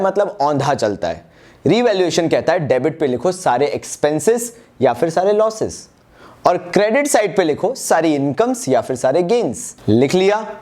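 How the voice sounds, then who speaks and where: Brief: Indian man, commerce tutor, high-pitched and chatty, quizzes students then answers himself. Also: sing-song, moderate pace, darkish tone. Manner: chatty, calls students "yaar" and "bhai", asks and answers his own questions; calls himself "Baba ji". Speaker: commerce teacher. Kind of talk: online accounts lesson.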